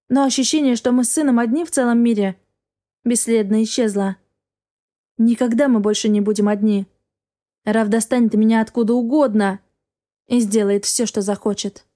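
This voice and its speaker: A woman's voice: on the high side, warm tone. Woman reading an emotional first-person novel. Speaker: audiobook reader.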